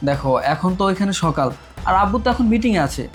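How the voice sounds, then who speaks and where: A man's voice: sits high, expressive, fast talker, faint music behind. An actor playing an evasive young husband in a TV family drama, placating and pleading with his wife. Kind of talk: Bangla TV drama acting.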